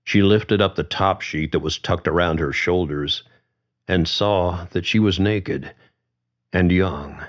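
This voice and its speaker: A man narrating a story in a calm, measured reading. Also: deep voice. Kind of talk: audiobook narration. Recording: dull lo-fi recording.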